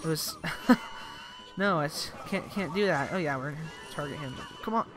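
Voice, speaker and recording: With game music playing behind him and some background noise, a weary young adult rambles through casual let's play commentary, packing his speech with "like." He speaks at a moderate pace in a slightly high voice.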